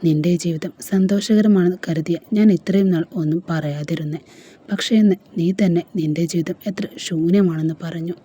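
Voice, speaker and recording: A woman voicing a devoted young man who gently reassures the woman he loves, in a storybook reading. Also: fairly low pitch, normal speed, breathy edge. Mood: tender.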